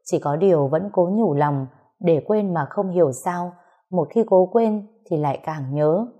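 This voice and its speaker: A woman narrating a written story in a steady, even way. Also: fairly low pitch, a little slow, husky, lo-fi sound.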